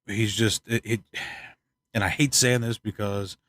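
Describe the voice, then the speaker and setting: A man from the United States giving rambling, opinionated news commentary, tired and stuffed up, clearing his throat often. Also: fairly low pitch, steady tone, measured pace, fairly bright tone, dry recording, studio quality. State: congested, stuffed up. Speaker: channel host. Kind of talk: casual news commentary vlog.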